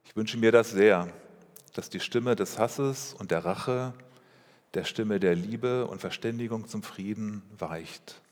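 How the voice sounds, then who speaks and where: A man preaching a sermon as pastor, speaking in a measured way with rhetorical questions and repeated phrases. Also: on the low side. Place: church. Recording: long reverb of a church hall.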